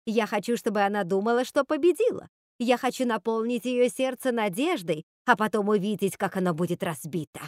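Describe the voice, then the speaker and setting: A woman's voice: mid-range voice, lively intonation, fairly quick, dry recording, clean studio sound, lightly acted. A woman voicing a scheming, cruel witch sister who snaps and gloats. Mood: gloating. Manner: snappish, cold, gloating.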